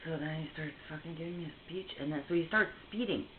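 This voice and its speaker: A woman's voice: sits low, quick pace. A woman, telling a story casually and heatedly on a call, swearing often and restarting her sentences. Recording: tinny phone line, faint hiss.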